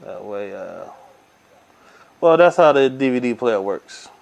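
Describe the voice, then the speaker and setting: A man's voice: mid-range voice, animated, unhurried, creaky. A man giving a casual hands-on tech demo at a table indoors, narrating each step with frequent ums and uhs. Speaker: tech reviewer. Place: indoors at a table by window blinds.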